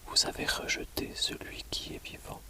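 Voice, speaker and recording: Scripture is read aloud in a soft, library-style whisper for an ASMR audiobook. The delivery is measured, with short phrases separated by pauses.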